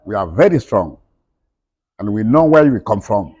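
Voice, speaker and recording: Very animated and fairly low-pitched, with a slightly mellow tone and moderate pace, a middle-aged interviewee delivers impassioned conversational speech. He uses broken, non-native English emphatically and repeats his points.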